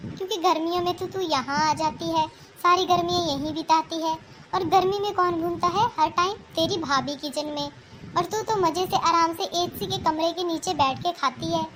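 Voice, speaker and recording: Woman voicing an older cartoon mother-in-law, lectures hard, very high-pitched. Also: noisy background. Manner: scolding, lecturing. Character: older scolding mother-in-law, sharp-tongued but fair. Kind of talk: cartoon voice acting.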